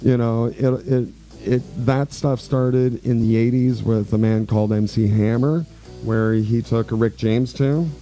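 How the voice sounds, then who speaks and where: A man in his forties from Quebec, Canada, appears as a guest musician in a radio interview, telling stories in a mid-range voice at a slightly slow pace. He's relaxed and rambling, full of fillers, with faint music behind him.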